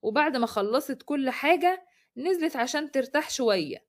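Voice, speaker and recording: A woman with an Egyptian accent narrating a scripted story in a brisk, plain-spoken way. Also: high voice, lively intonation.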